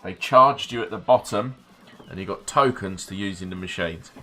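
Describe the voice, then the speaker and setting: A man's voice: low-pitched, moderate pace, pushed and bright, soft background music. A middle-aged man streaming a game, rambling wryly between asides and swearing casually. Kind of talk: casual gameplay commentary.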